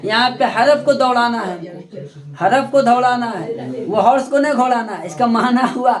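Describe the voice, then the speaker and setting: In an echoey classroom with a board, a male teacher gives a grammar lesson, repeating terms and quizzing his students. His voice is extremely high-pitched and he speaks at a normal speed.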